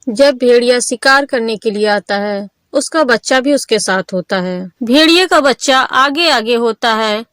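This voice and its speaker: A woman narrating a cartoon moral story in an even, storytelling manner. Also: high-pitched, clear, resonant tone, no echo, clean studio sound.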